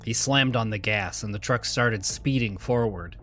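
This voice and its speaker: A man narrating a scary story in a calm, measured voice. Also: lowish voice, faint music behind. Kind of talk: scripted narration.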